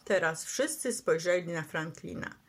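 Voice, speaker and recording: A woman storyteller reading a bedtime tale to children. She reads slowly and gently, and her pitch rises and falls expressively with each sentence. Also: lively intonation.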